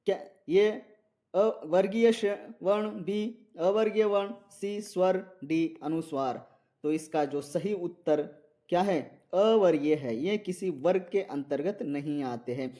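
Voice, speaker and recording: A male teacher works through exam questions one at a time, reading each option and then repeating the right answer. His voice sits high but sounds mellow and soft-edged. He speaks slowly, drawing out each letter sound. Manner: reads options aloud, repeats answers, asks viewers to comment.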